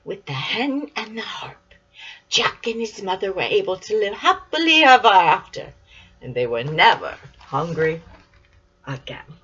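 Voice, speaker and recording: An older woman reads a children's story aloud, slow and animated, her voice swooping and bright. A breathy quality runs through it, with soft whispered asides. The lo-fi recording sounds dull. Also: mid-range voice.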